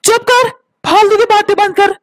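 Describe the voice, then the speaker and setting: A woman's voice: very high-pitched, fairly even intonation, moderate pace, slight background noise. A woman voicing a short-tempered, bossy cartoon husband who scolds and barks orders, with music underneath. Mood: scolding. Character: bossy grumpy husband, middle-aged man, short-tempered. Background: background music.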